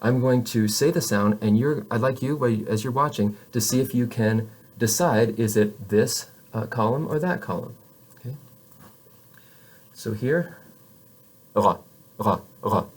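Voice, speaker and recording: A man teaching French pronunciation to camera, patiently showing each sound slowly with frequent restarts. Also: mid-range voice, a little mellow. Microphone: camera facing the speaker.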